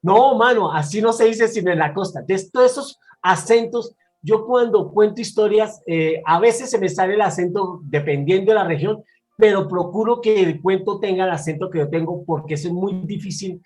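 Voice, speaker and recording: A man from Bogotá with a Colombian accent, a storyteller talking in an interview, animated and expressive, often restarting his sentences. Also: high-pitched, moderate pace, poor audio. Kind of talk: casual interview talk.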